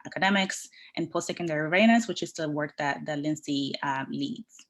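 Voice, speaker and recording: A low-voiced Dominican woman, a leader in workforce development, is interviewed on a podcast about how her career unfolded. Her tone is earnest and measured, and she tends to build her arguments as lists.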